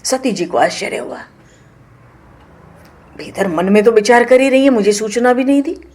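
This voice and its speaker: A woman giving a devotional scripture storytelling discourse, moving between hushed asides and raised emphasis. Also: on the high side, expressive, normal speed.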